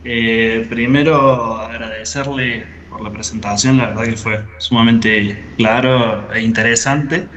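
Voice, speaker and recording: A man in a seminar asks a long question in a polite, searching way, rephrasing himself as he goes. His pitch sits in the middle range. Clear noise runs behind his voice. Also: fairly even intonation, measured pace, hardly any pauses, fairly bright tone, lo-fi sound. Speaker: seminar participant asking a question. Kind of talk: academic question.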